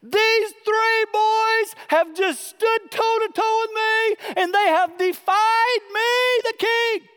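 A man's voice: very high-pitched, slow, few pauses, fairly bright tone, long reverb tail, pitched above the performer's own voice, exaggerated voice. A man voicing a fickle ancient king who bellows proclamations and stammers in surprise. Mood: proclaiming. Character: booming fickle ancient king, male, adult.

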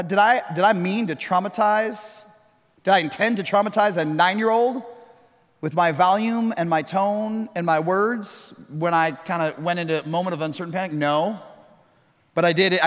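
A man in his thirties preaching a sermon, swinging between loud storytelling and hushed, slow reflection. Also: high voice, long reverb tail. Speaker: pastor.

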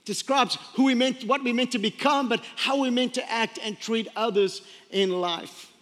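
A man's voice: extremely high pitch, normal speed, a bit bright, long reverb tail. A man preaching a conversational sermon as a pastor, repeating key phrases for emphasis and putting rhetorical questions to his congregation. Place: large room, speaking to a congregation.

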